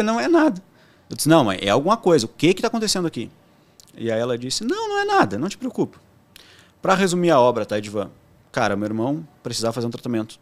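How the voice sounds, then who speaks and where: Fast-talking southern Brazilian man telling a story. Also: on the high side. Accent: southern Brazilian, Rio Grande do Sul. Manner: animated storyteller acting out quoted dialogue. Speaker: podcast guest. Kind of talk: casual storytelling.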